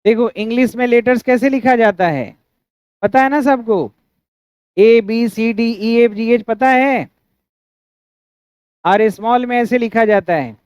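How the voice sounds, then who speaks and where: A man's voice: very high-pitched, slow pace, pauses often, a little mellow, clean tone, dry recording. A man with an Indian accent teaching an English grammar class, often asking students to confirm they follow and breaking words into syllables. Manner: asks students frequent checking questions. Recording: dry, dull lo-fi sound.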